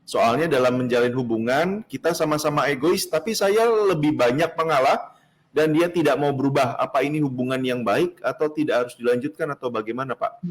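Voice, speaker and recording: A man's voice: medium pitch, fairly quick. A man hosting a talk show, politely affirming the guest and reading out viewer questions. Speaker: host.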